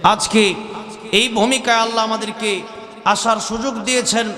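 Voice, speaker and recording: A man's voice: high-pitched, steady tone, normal speed, pushed and bright, reverberant, in a large hall. A man preaching a sermon at an outdoor gathering, chanting his lines and calling on the crowd to answer aloud. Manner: chanting, calls on crowd to respond. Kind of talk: sermon with sung storytelling.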